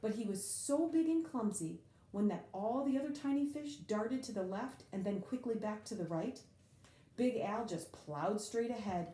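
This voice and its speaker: Dramatic and expressive, a woman reads a children's picture book aloud, drawing out key words for emphasis. She has a mid-range voice, and the space sounds roomy.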